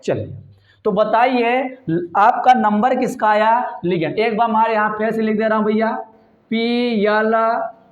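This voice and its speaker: Male chemistry teacher, high voice, quizzing his own class, echoey room on a tinny mic. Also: steady tone, normal speed. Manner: quizzing, asks questions and answers them himself. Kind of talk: classroom lecture.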